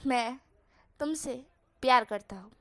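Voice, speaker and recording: A woman voicing a calm, possessive young man who speaks softly and evenly. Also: sits high, a little slow. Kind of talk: storybook voice acting.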